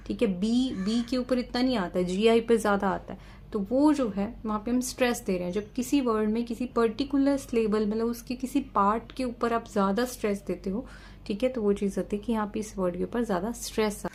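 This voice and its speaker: A woman teacher explaining a lesson step by step, checking in often and reading out definitions slowly. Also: on the high side, darkish tone. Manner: reads English definitions slowly and carefully. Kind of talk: exam-prep lesson.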